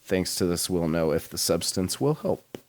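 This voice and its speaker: A man's voice: low voice, animated, normal speed, darkish tone. A man hosting a podcast in casual chat, laid-back and rambling, swearing and laughing often. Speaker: podcast host.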